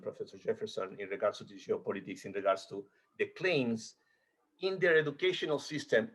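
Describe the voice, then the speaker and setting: A man's voice: mid-range voice, husky. A man from Chile speaking as a guest on a video-call webinar panel, often repeating words as he searches for what to say. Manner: halting, repeats words while searching for phrasing. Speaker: panel guest, expedition cruise guide.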